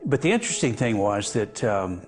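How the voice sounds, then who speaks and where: An older man giving a reflective television interview, measured and hesitant, with frequent pauses and fillers. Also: lowish voice, big pitch swings, faint music behind. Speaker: interview guest.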